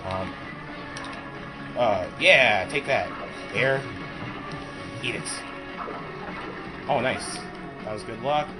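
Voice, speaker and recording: A mid-pitched man talks through his own speedrun in a loose, chatty way. He explains tricks and often laughs. Music plays clearly behind him. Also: very slow, pauses often, rough recording. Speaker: speedrunner giving commentary. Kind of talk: casual live gameplay commentary. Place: indoors at a live marathon event.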